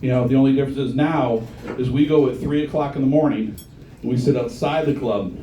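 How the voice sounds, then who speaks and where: A man's voice: mid-range voice, brisk, dark tone, slight background noise. A middle-aged man doing a crude, punchy stand-up comedy set and bantering with the crowd in a comedy bar. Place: comedy bar with a live audience. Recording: roomy live club sound from a distance. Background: audience laughing.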